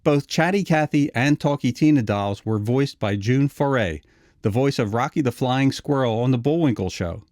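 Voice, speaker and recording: Man, mid-pitched voice, scripted retrospective narration, very dry recording. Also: animated, normal speed, a little mellow, no echo.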